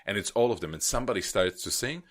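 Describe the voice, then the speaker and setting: Male podcast co-host, very low voice, loose rambling banter, laughs a lot. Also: animated, noisy background. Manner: chatty, laughs often, quick agreeing "yeah, yeah". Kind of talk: casual chat.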